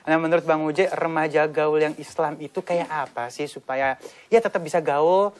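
A woman's voice: sits low, fairly even intonation, normal speed. A woman TV host leading a religious talk show, agreeable and filling in with short affirmations. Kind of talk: hosting a televised religious talk.

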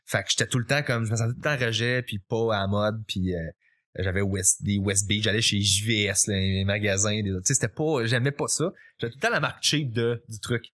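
Quebecois man telling stories animatedly. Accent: Quebec French. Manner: animated, acts out his past self in quick high quotes. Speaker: podcast guest. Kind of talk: casual confessional storytelling.

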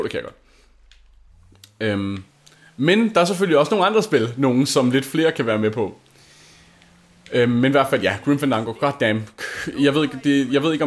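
A young gaming-channel host from Denmark speaks at a medium pitch. He chats casually over gameplay, gushing and rambling, often restarting and filling gaps with fillers.

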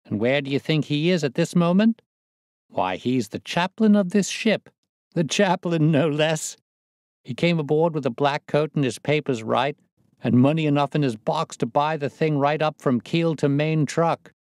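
A man reads a story aloud, voicing a boastful, swaggering young male convict who leads a plot, in a boastful, coarse, excitable manner. His voice is fairly high and pitched above his own natural voice yet close to everyday speech, at a moderate pace. The studio sound is clean, with no room sound.

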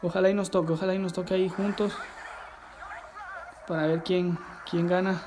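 Gaming streamer, male, excitable live-chat host reading viewer comments, loud game music behind. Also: sits high, normal speed. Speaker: livestreaming gamer host.

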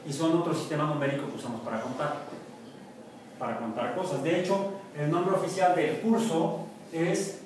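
In a slightly high voice, a Mexican professor cracks jokes and puts questions to his university math class during a lecture. He's captured from a distance in an echoey room, with background noise present.

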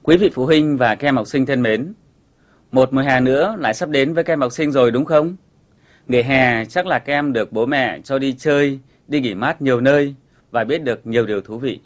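A man teaching a children's English lesson on television, explaining pronunciation patiently and clearly. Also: mid-range voice, a little fast.

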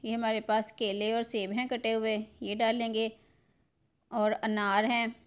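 A middle-aged cooking channel host narrates a recipe step by step from her home kitchen, giving homely instructions directly to viewers. Her voice is on the high side, level, unhurried, clear, and resonant.

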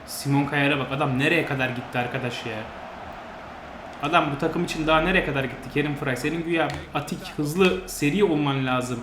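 A man giving frustrated, grumbling commentary over a football video game, now and then yelling at his players. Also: on the high side, a little fast. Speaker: gaming channel host. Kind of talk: live commentary over gameplay. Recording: roomy sound with faint noise.

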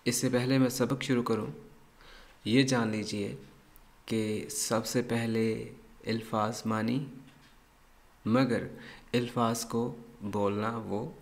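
A man leads a phonics lesson at a very slow, unhurried pace in a mid-range voice. He says each model word several times over and leans hard on the stressed syllables. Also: mid-range voice, fairly even intonation. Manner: deliberate, repeats words to model pronunciation; exaggerated stress on model words. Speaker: English teacher.

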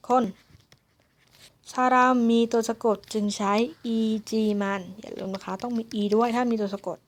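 Young female language tutor, slightly high voice, patient and polite, slow step-by-step delivery. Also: fairly even intonation. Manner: slow, syllable-by-syllable explanation with frequent polite particles. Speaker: Korean language teacher. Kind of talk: spoken grammar lesson.

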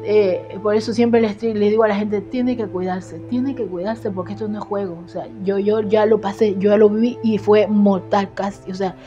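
Woman, Ecuadorian accent, mellow voice, muffled lo-fi sound, storytelling, acts out dialogue. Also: mid-range voice, steady tone, normal speed, few pauses, soft background music. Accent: Ecuadorian Spanish. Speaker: interviewee recounting illness. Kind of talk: emotional personal account.

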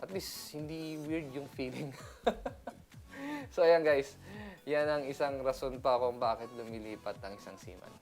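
A man's voice: mid-range voice, steady tone, unhurried, darkish tone, faint music behind. A man from the Philippines, a seaman, talking casually in a chatty vlog, laughing often and mixing in English. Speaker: seaman vlogger.

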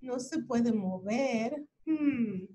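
A woman with a high voice reads a picture book aloud to little kids. She takes it slowly, pausing to point things out on the page. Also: animated, dark tone. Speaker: Spanish teacher for young children. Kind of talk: children's story time read-aloud.

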